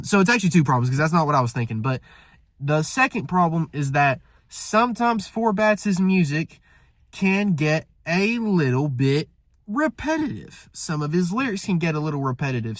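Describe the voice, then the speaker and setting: A man's voice: fairly high pitch, a little fast, dry recording, studio quality. A man with a congested, stuffy voice giving a casual spoken album review, rambling and often correcting himself mid-sentence. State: congested, nasal from a coming cold. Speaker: music reviewer.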